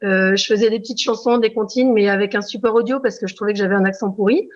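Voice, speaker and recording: A woman's voice: mid-range voice, steady tone, fast talker, dull audio. A woman from France who teaches preschool, giving a spontaneous testimonial full of hesitations and fillers. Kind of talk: testimonial interview.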